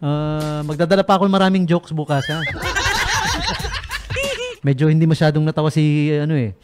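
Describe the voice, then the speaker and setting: A man's voice: fairly high pitch, flat delivery, fast, heavy background noise. A man from the Philippines hosting a late-night radio show, telling a comic story as a playful storyteller who often breaks into chuckles. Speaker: radio DJ host. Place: radio studio.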